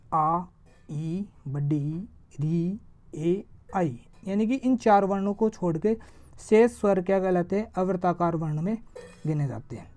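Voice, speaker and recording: A woman teaching an exam-prep grammar lesson. She asks a question and answers it herself, and she draws vowel sounds out slowly to show them. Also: mid-range voice, warm tone. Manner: stretches vowels slowly when demonstrating sounds.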